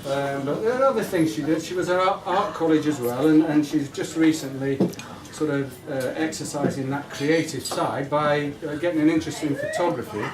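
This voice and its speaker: Guests murmur and laugh as a middle-aged man delivers a hesitant, rambling father of the bride speech at a wedding reception, warm and informal in tone. His voice sits fairly high and moves fairly quickly with hardly any pauses, caught by a distant mic in an echoey room amid crowd and audience noise.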